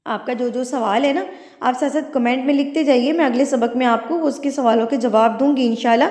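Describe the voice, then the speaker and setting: High-voiced woman teaching tajweed. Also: a little mellow. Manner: explains patiently, then recites slowly and drawn out. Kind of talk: teaching lesson with recitation. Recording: echoey room with long reverb.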